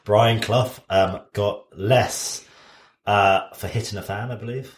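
Low-voiced Englishman, dry podcast banter. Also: fairly even intonation, takes it slowly, reverberant. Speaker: podcast co-host. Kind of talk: casual bantering sports podcast chat.

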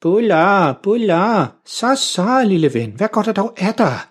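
A stiff, condescending old lady neighbor sniffs down her nose at everyone, as a man puts her on in a storybook reading. Her voice sits raised and a little husky, sour even when she tries to smile. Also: high voice, pitched above the performer's own voice, full character voice. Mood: fussing. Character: snooty sour older woman neighbor.

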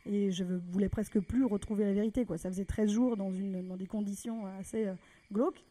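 A French woman telling a personal story in a lively, conversational way, often acting out the people she quotes. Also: medium pitch, brisk. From France.

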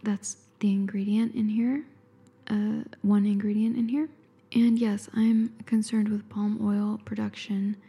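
A woman in an intimate ASMR whisper, close as if right in the listener's ear, calmly describing and reading aloud without hurry. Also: medium pitch, measured pace, vocal fry, husky. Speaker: ASMR host.

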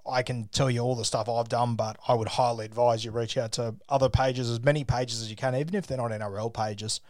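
Casual Australian bloke, matey mentor type, loose and sweary, recorded dry. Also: male voice, medium pitch, fairly even intonation, a little fast, darkish tone, no echo. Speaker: social media sports page creator giving advice. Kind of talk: casual phone chat.

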